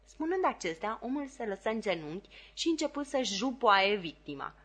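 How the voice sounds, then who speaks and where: A woman narrating a novel as an audiobook reader, in calm, steady scripted narration. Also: fairly high pitch, husky.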